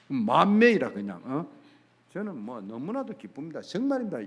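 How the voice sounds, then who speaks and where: A middle-aged man with a Gyeongsang Korean accent, a pastor preaching a sermon, emphatic and swinging between soft and loud, acting out bits of dialogue. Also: a little high.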